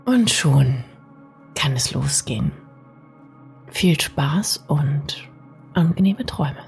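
A woman narrates a bedtime sleep story in a soft, soothing, partly whispery way, speaking intimately to the listener. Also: low voice, expressive, slow, vocal fry. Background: music.

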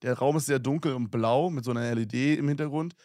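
A man's voice: medium pitch, fast talker, darkish tone, dry recording, studio quality. A young man co-hosting a casual podcast, reading listener messages aloud with slang and laughs. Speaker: podcast co-host.

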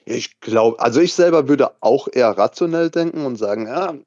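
A man chatting about a film as co-host in a relaxed, opinionated way. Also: medium pitch, brisk, dry recording, muffled recording. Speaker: podcast co-host. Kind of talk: casual film discussion.

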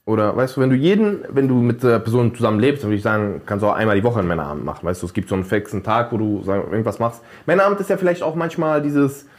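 A man's voice: on the low side, lively intonation, racing, few pauses. A man co-hosting a podcast in casual chat, laid-back and slangy, often checking in with his listeners with "you know". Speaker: podcast co-host.

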